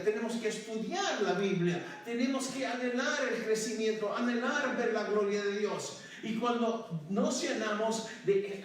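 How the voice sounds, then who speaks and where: A male pastor preaching a sermon to his congregation, often calling them "hermano" and breaking into praise. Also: very high-pitched. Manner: calls out to the congregation, repeats "hermano" and praise phrases. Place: church sanctuary. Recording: very echoey church hall from far off.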